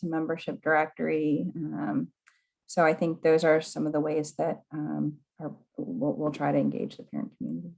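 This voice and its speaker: A woman introducing herself as a parent in a meeting, hesitant with frequent fillers, on a video call. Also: low voice. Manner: warm, hesitant with many fillers. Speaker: parent committee member.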